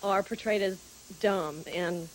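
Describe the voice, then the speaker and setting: A woman's voice: medium pitch, slow pace, a little hiss or hum, low-quality recording. A woman making an earnest point as a talk show audience member.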